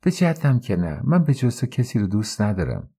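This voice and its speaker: A man's voice: medium pitch, sing-song, warm tone, breathy edge. A male narrator voicing a cheerful, teasing young village woman who chatters and pleads, in an audiobook reading. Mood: pleading.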